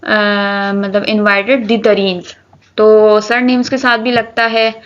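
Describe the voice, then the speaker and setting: Woman English tutor, slightly high voice, patient checking-in manner, dull lo-fi audio. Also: flat delivery, takes it slowly. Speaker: English teacher. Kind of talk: grammar lesson explaining articles. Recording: dull lo-fi recording.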